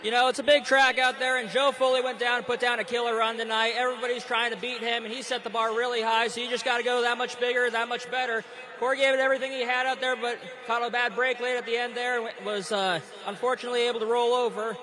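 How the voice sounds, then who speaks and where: A man's voice: extremely high pitch, little pitch movement, fast, background noise. A man, a motorsport crew chief, giving an upbeat, reassuring live interview at trackside. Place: on the track at a stadium event.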